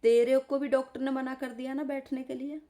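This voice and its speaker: Woman live streamer, lies in bed and hurls scolding insults in a roast rant; dark, even tone. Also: high-pitched, brisk. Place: lying in bed.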